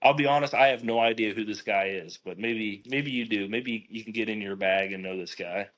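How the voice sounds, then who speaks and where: A man's voice: lowish voice, brisk, fairly bright tone. A man hosting a casual podcast, running a sports trivia game with lots of fillers and restarts. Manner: chatty, lots of fillers and restarts while reading quiz.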